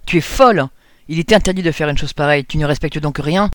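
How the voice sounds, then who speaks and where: A man's voice: a little high, fast talker, darkish tone, no room sound, close to an everyday voice. A man reading aloud, voicing a stern, easily shaken village priest. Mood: indignant.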